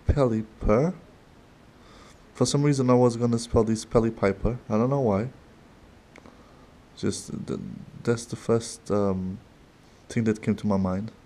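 A card-opening channel host with a non-native English accent opens trading cards at a desk in a dim room. His mid-range voice is mellow, and his casual commentary comes slowly and haltingly, chatty and dotted with little laughs.

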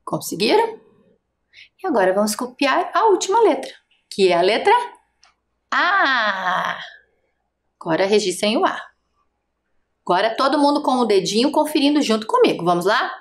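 A woman with a Brazilian Portuguese accent teaching a televised first-grade lesson. Her fairly high voice rises and falls in a lively sing-song as she patiently guides small children, speaking slowly. The room sounds echoey. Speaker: primary school teacher.

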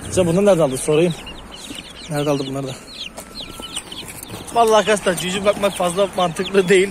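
Chatty man filming his poultry outdoors. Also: high-pitched. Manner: chatty, talks to viewers and calls to the animals. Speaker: hobby farm vlogger. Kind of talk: casual outdoor vlog. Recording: noisy outdoor farmyard recording. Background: chickens, roosters and birds.

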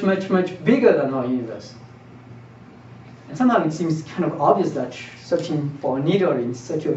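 A man's voice: fairly high pitch, darkish tone. A young man giving a math seminar lecture in a classroom, explaining step by step and often restarting and repeating his words. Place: lecture room with projector screen. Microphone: far camera, no mic. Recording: roomy, distant, dull camera audio with faint hiss.

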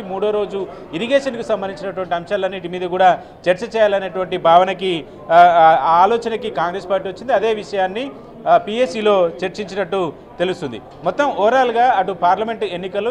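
A man in his thirties giving a live news report outdoors into a handheld mic, steady, with filler sounds between phrases. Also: high voice. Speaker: field reporter. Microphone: handheld channel mic.

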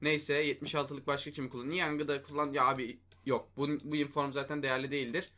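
Here a man with a mid-range, sharp-toned voice talks a little fast and delivers flatly. He's hosting a mobile game video, commenting casually on his gameplay, often exasperated as he speaks to himself and his viewers, with some mild swearing.

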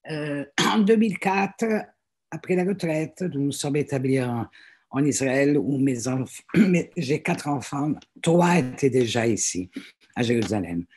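Speaking through a laptop webcam from a small room in her home, a French-native teacher and guest reader in her seventies introduces herself on a video call. Her bass voice sounds darkish and slightly rough, and she hesitates often, full of fillers and restarts.

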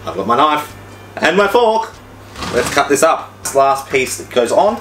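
A man's voice: fairly high pitch, very animated, measured pace, reverberant, noisy background. A man talking through a cooking demonstration, with chatty, upbeat, step-by-step instructions. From Australia. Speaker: cooking vlogger.

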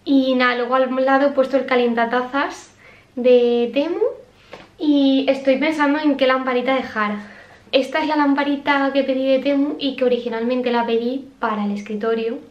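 A young woman from chats casually to camera in a home vlog, with plenty of fillers and asides to her viewers. Her voice sits a little high. The small home room around her sounds roomy and echoey. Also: steady tone, normal speed, lo-fi sound. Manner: chatty, lots of fillers, talks straight to viewers. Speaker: vlogger.

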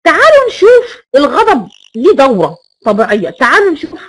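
A woman's voice: high voice, huge pitch swings, quick pace, low-quality recording. A woman with an Egyptian Arabic accent giving a recorded lecture, stressing key words and repeating rhetorical questions.

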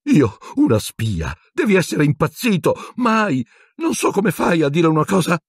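A man voicing a cowering, rat-like wizard with a shrill, squeaky voice who pleads and stammers breathlessly. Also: sing-song, moderate pace, breathy edge, no room sound, clean studio sound, heavily acted. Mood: shrill panic.

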